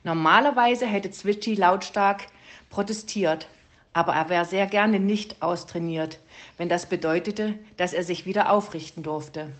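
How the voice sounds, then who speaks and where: A woman narrating a children's storybook in a calm, even storytelling voice. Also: lowish voice, measured pace. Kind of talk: storybook reading.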